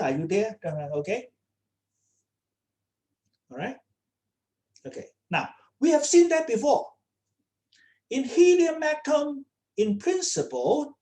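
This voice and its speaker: Slow-spoken woman lecturing with many "okay?"s. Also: medium pitch, mellow. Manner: checks in with students often, repeating "okay?". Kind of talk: online lecture. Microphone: computer mic on a video call.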